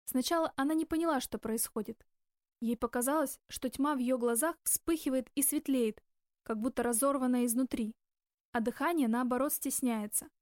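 A woman reading a novel aloud in even, measured scripted narration. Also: sits high, no room sound, studio quality. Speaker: audiobook narrator.

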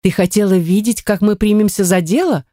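A sensible teenage girl, the eldest of the sisters, voiced by a woman reader, speaking up in a slightly raised voice. The tone stays mellow. The recording is dry and close. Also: mid-range voice, fairly quick, no room sound, voice pushed up, close to an everyday voice. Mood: weary questioning.

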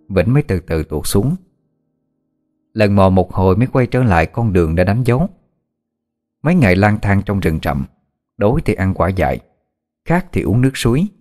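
A man narrating a dramatic story in a steady, measured storytelling manner. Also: fairly low pitch.

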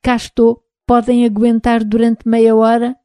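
A woman's voice: on the high side, completely flat delivery, unhurried, dark tone, smooth, no room sound, clean studio sound, pitched above the performer's own voice. A woman voicing a mining robot reporting over a transmitter, her voice made half-robotic with an altered timbre. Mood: dutiful. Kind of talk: audiobook reading.

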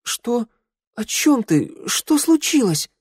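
A man's voice: very high-pitched, sing-song, takes it slowly, breathy edge, no room sound, voice pushed up, full character voice. A man reading an audiobook and voicing a frightened young girl who cries out in panic, in a dry close recording. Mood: panicked.

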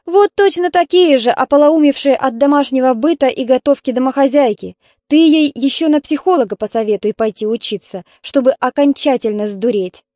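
A woman voicing a tired, sharp-tongued elder daughter, sarcastic and exasperated, in an audiobook reading. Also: sits high, brisk, dry recording, studio quality, pitched above the performer's own voice, natural voice.

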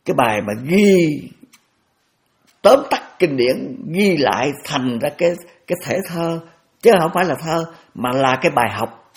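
A man's voice: fairly high pitch, lively intonation, normal speed. A man in his eighties, a Buddhist monk giving a dharma talk, repeating phrases and restarting often with homely examples. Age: 80s.

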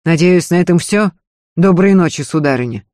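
A man voicing a gruff, contemptuous nobleman husband in an audiobook reading. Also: a little high, normal speed, a little mellow, no echo, clean studio sound, close to an everyday voice. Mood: curt scornful. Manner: curt and scornful, speaking through his teeth.

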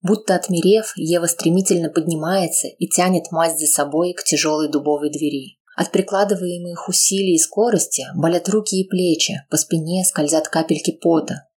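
A woman reading a tense audiobook aloud in a steady, dramatic narration. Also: fairly low pitch, moderate pace, hardly any pauses, husky.

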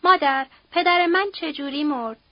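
A woman's voice: high-pitched, no echo, lo-fi sound, natural voice. A woman voicing a young man, a grieving son who talks in an earnest, defiant way.

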